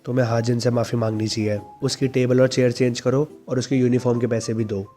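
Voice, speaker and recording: A man voicing a calm, gentle schoolboy. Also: mid-range voice, fast talker, faint music behind, close to an everyday voice. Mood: calm, apologetic. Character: big gentle high-school boy, calm and apologetic.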